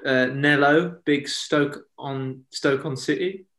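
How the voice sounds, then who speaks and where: A man's voice: medium pitch, fairly even intonation, takes it slowly, fairly bright tone. A man, co-hosting a casual podcast chat and telling jokey, self-deprecating stories. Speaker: podcast co-host. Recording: echoey room.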